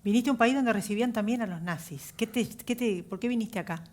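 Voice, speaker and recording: A woman's voice: a little high, brisk, a little mellow. A woman with a Rioplatense accent hosting a TV studio interview, asking probing questions with brief prompts. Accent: Rioplatense Spanish. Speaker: TV talk show host.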